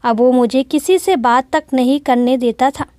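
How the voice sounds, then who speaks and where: A woman's voice: high-pitched, normal speed, warm tone, no room sound, studio quality, natural voice. A woman voicing a young wife who tells of an abusive marriage in a sorrowful first-person account.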